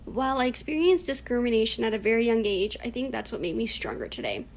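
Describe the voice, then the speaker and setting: Very animated and talking fast, a woman on the high side of the pitch range reads her prepared answers over slight background noise. In her early twenties, she's a U.S.-raised native Cantonese speaker doing a class project interview, earnest, scripted, and reflective.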